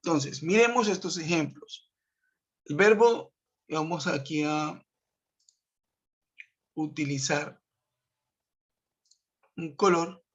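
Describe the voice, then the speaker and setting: A man's voice: fairly high pitch, slow pace, long pauses. A man, teaching an online English grammar lesson, explaining step by step and checking in with his students. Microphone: web conference computer mic. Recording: dull lo-fi web call audio.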